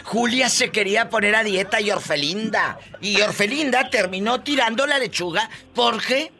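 A man's voice: high voice, normal speed, pushed and bright. A man with a Mexican accent hosting a comedic live call-in show in a flamboyant, teasing diva persona. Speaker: radio host.

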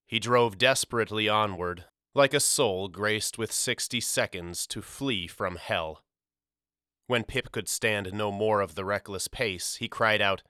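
A man reading a first-person novel aloud as an audiobook narrator, in a measured storytelling delivery. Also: lowish voice, bright, forceful tone, smooth, dry recording, clean studio sound.

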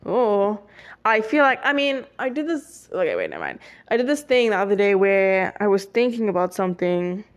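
A nineteen-year-old woman hosts a solo podcast, chatting casually with plenty of fillers and self-corrections. She speaks at a normal speed in a medium-pitched voice with big pitch swings.

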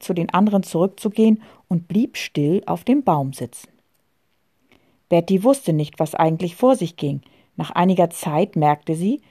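A woman calmly reading a children's story aloud. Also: on the low side. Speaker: narrator.

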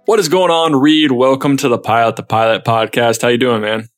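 A man's voice: mid-range voice, steady tone, brisk, faint music behind. A man hosting a podcast, chatting casually as he interviews a guest. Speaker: podcast host.

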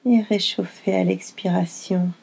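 A yoga nidra guide leads a meditation in a soft, husky, fairly low voice that stays dark, mellow and steady. She gives each unhurried instruction gently in short, soothing phrases with light fry, pausing long between them.

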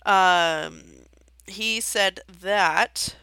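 A woman hosts her own show and chats loosely about music, with plenty of ums and asides. Her voice is bright and forward. The sound is dry and close, with no room around it. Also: mid-range voice, drawn-out words, creaky, clear, resonant tone, no echo. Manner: rambling, many fillers. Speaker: podcast host and amateur pianist. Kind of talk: casual solo chat.

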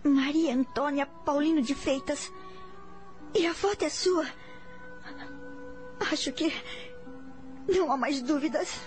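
Defiant young daughter, woman actor, very high tearful voice, indignant. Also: slow, pauses often, soft background music. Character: young adult daughter, shocked and defiant, demanding the truth. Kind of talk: radio drama acting.

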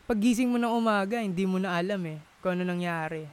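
A man with a high-pitched, clear and resonant voice talks quickly in a casual chat. He searches for words, uses lots of fillers, and switches between Tagalog and English.

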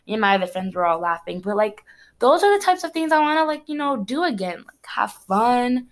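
A teenage girl from Cameroon hosts her own solo podcast, chatting casually in a slightly high, sing-song voice at a fairly quick pace. She rambles a bit but comes across earnest.

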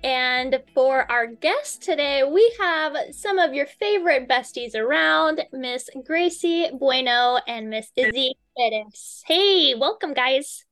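A woman's voice: sits high, lively intonation, takes it slowly, hardly any pauses, a bit bright, faint music behind. A woman hosting a podcast, chatty and enthusiastic as she introduces her guests. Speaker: podcast host. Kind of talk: warm conversational podcast hosting.

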